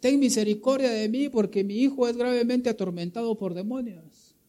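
A man's voice: extremely high pitch, normal speed, warm tone, pitched above the performer's own voice. A preacher crying out as a desperate pleading mother. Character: pleading foreign mother begging for mercy.

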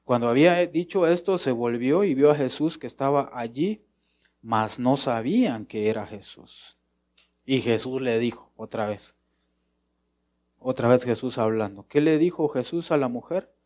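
A man preaching a sermon to his congregation, asking questions and answering them himself, and now and then softly acting out a short prayer. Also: mid-range voice, a little slow, long pauses. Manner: acts out short prayers and replies in a softer voice.

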